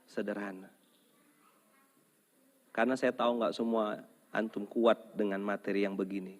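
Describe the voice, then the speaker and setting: A man preaching a humorous sermon, joking and calling on the audience to respond. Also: mid-range voice. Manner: lively, jokes and calls on the audience to respond. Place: large hall with an audience. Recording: long hall reverb.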